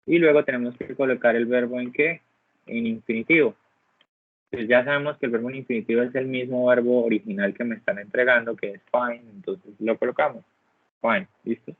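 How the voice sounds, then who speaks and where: A man's voice: mid-range voice, fairly even intonation, brisk, no echo. A man teaching an English grammar lesson online, patiently explaining step by step and often checking in with the class. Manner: patient, keeps asking "¿listo?". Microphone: video call. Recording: dry, phone-like online call audio.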